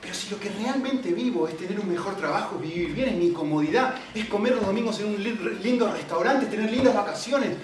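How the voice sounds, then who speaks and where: A man's voice: high voice, lively intonation, a little fast, hardly any pauses, noisy background. A man preaching a sermon, earnest and emphatic, often checking in with the audience. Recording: very echoey hall, mic at a distance.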